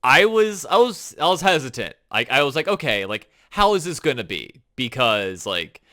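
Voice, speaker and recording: Bright-voiced guy co-hosting a gaming podcast, talks fast and rambly, lots of "like". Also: mid-range voice. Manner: excitable, rambling with many fillers. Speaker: podcast co-host. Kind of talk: casual chat.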